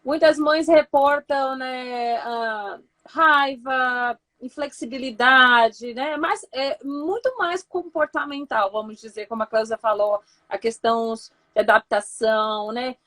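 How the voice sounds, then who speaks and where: A woman's voice: sits high, takes it slowly, fairly bright tone. A woman as a guest in a casual live chat, speaking hesitantly with lots of fillers.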